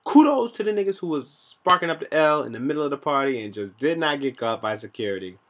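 A young man hosting a vlog, reviewing a college party in animated, slangy storytelling with shout-outs. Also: fairly high pitch, fast.

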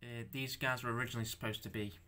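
A young man with a bright, forceful voice shows off his handmade figures in a loose show-and-tell. He stammers, restarts and swears as he goes, and he sounds unused to talking out loud. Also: mid-range voice, fairly even intonation. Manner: halting, stammering, swears, self-conscious. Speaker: stop-motion creator showing his figures.

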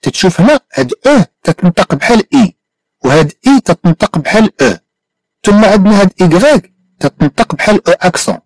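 Moroccan male teacher, animated intonation, drills phrases slowly. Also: high voice, no room sound, rough recording. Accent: Moroccan Arabic. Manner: slow careful repetition of English phrases. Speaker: language teacher. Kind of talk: bilingual English lesson.

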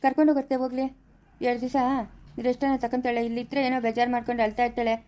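A woman playing a young husband who defends himself with rapid pleading explanations. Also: fairly high pitch, little pitch movement, warm tone, lightly acted. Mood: defensive, reassuring. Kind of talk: amateur family drama acting.

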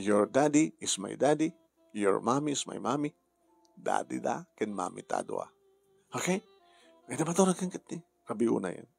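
A man's voice: medium pitch, wildly swooping pitch, normal speed, creaky, long pauses, a little mellow, slightly rough, dry recording, soft background music, exaggerated voice. A man speaking heartfelt family drama dialogue.

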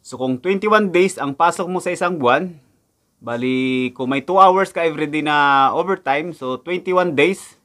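This explainer vlog features a young Filipino factory worker abroad, speaking unhurriedly in a fairly high, slightly bright voice. Seated indoors before a backdrop, he chats with his audience about his wages and goes over the figures more than once.

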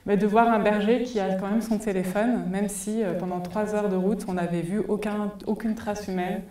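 A woman in her forties gives a live talk from a cinema stage, her dark, mellow voice unhurried and full of thoughtful fillers. She wears a headset mic, yet she sounds set back in a large reverberant hall. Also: mid-range voice, steady tone. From France. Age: 40s. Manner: thoughtful, many hesitation fillers. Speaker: conference speaker. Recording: echoey hall, voice from far off.

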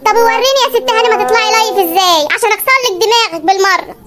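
A hot-tempered young husband in an animated comedy, voiced by a performer, ranting in Egyptian Arabic. The voice is pitched high and sounds sped up and bright, with quick, indignant phrasing. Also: male voice, faint music behind. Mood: angry. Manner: fast, indignant complaining.

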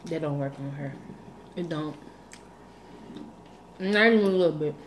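This eat-with-me vlogger is a young woman whose low voice keeps a measured pace over some background noise. She talks casually to camera with a playful, rambling, folksy style, filmed on a phone in a small indoor room that adds a roomy echo.

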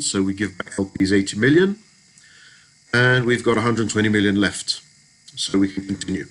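A man's voice: lowish voice, a bit bright, poor audio. A man giving a methodical, step-by-step lesson as a voice-over on a screen recording, with some restarts. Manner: methodical, explanatory, frequent restarts. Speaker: lecturer. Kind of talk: screen-recorded spreadsheet walkthrough.

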